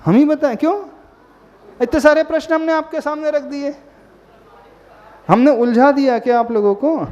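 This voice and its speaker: A Jain monk delivers a sermon to a gathered audience in an extremely high, darkish voice at a moderate pace, pausing often. He frequently puts questions to his listeners and mixes English words into his speech. The recording has a long hall reverb and a dull, lo-fi quality.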